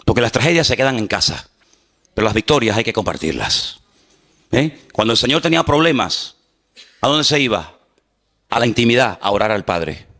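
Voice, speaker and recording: A male pastor preaching a sermon in an animated way, acting out quotes and joking with his congregation. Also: mid-range voice, normal speed, pauses often.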